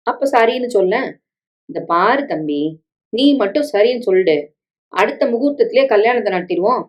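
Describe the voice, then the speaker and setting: A woman's voice: mid-range voice, animated, moderate pace, dull audio, natural voice. A woman voicing a scheming middle-aged stepmother who coaxes, pleads and guilt-trips, in a story reading with dialogue. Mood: persuasive. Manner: coaxing, pleading, guilt-tripping.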